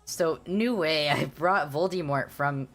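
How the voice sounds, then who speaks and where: A brooding goth vampire boy, read out by a woman with a very deep, low voice. He sounds flat and mock-dramatic, like a storybook read half in jest, with faint music in the background. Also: unhurried. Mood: deadpan.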